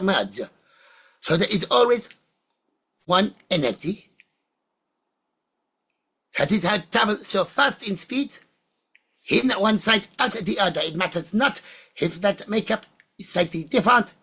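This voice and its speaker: A husky voice of ambiguous sex, mid-pitched, speaks as a seance medium channelling spirits. The phrasing is halting and deliberate, breaking into short oracular fragments as answers are given in trance. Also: a bit bright.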